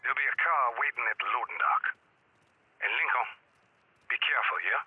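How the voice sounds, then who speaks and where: An actor playing a steady man who gives escape directions over a phone line in a video game. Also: medium pitch, a little fast, slight background noise. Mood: calm, urgent.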